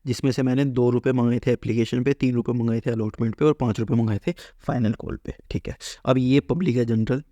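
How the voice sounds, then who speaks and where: A man's voice: medium pitch, fairly even intonation, quick pace, few pauses, mellow, dry recording, dull audio. A man teaching accounting, who keeps asking questions and answering them himself and acts out what a company says. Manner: asks and answers his own questions, acts out the company's lines. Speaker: commerce teacher. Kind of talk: explaining an accounting lesson.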